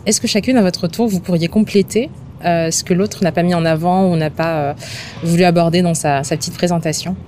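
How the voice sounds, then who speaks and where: A woman hosting an interview podcast, asking careful, measured questions. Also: fairly low pitch, steady tone, mellow, a little hiss or hum. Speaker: podcast host.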